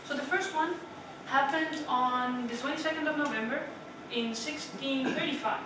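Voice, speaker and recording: A high-sitting female voice at a moderate pace belongs to a young Dutch club speaker delivering a prepared speech. She's conversational, poses questions to the room, and regularly says "right?". Captured distantly in an echoey meeting room with noise.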